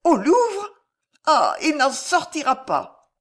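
Brief: woman playing an anxious young lady in a storybook, high and shaky. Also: big pitch swings, measured pace. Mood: alarmed. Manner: trembling, breathless. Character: young noblewoman, anxious and fragile.

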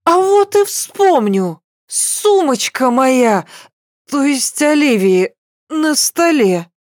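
A woman's voice: high-pitched, very animated, a little mellow, dry recording, clean studio sound, voice pushed up, exaggerated voice. A woman voicing a tipsy, stubborn young woman who drags out her words and insists indignantly. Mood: tipsy insistent. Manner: drawn-out, slurred, indignant insistence.

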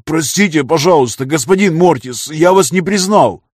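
A man's voice: fairly low pitch, very animated, a little slow, husky, no echo, studio quality, full character voice. A man voicing a young male vegetable seller who snaps back rudely at a noble. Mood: pleading.

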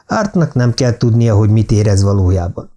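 A man narrating a thriller novel as an audiobook in a steady, even reading. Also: fairly low pitch.

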